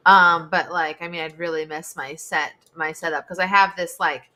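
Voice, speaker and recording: A woman's voice: lowish voice, steady tone, normal speed, bright, forceful tone. A woman talking as a guest on a live stream from her home office, rambling with lots of fillers and restarts. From United States. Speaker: guest, social media consultant. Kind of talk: casual live-stream chat. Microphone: USB desk microphone.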